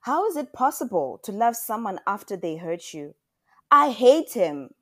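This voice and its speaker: A woman reading the part of a frightened but defiant teenage girl, loud and distressed. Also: mid-range voice, lively intonation, normal speed, dry recording, clean studio sound. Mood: angry.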